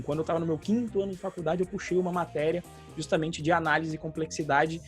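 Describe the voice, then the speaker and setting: A man from Brazil co-hosting a podcast, explaining things like a teacher and often tagging his sentences with little check-in questions. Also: high-pitched. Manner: explanatory, frequent "tá?" tag questions. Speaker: podcast co-host, programming teacher. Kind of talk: casual podcast chat.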